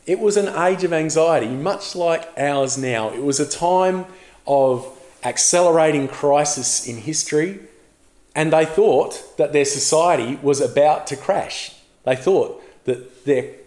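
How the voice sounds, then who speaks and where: A man preaching a sermon as a pastor, telling the story in a lively way and putting questions to the congregation. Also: mid-range voice, reverberant.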